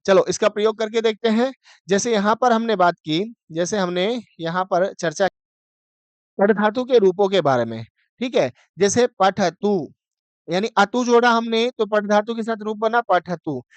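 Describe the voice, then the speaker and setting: Male grammar teacher. His voice is high and clear, and his delivery is slow and deliberate. He does call-and-response drilling. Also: dry recording. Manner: call-and-response drilling, chanting verb forms slowly. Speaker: Sanskrit teacher. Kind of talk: grammar lesson.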